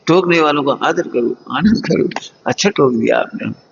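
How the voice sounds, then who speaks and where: A man preaches to a hall of students, his voice sitting fairly high and full of life as he acts out little scoldings and chuckles along the way. The sound rings with long reverb from a large hall. The recording itself is dull and lo-fi. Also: moderate pace, creaky, a little hiss or hum. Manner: lively, acts out scoldings with sudden high jumps; chuckles often while teaching. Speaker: Jain religious teacher. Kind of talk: morning sermon to students.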